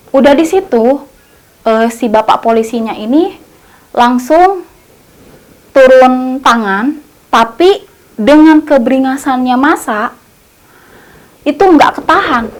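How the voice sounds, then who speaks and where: Woman, high-pitched, casual horror storyteller, colloquial, repetitive, fillers. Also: animated, a little slow, long pauses.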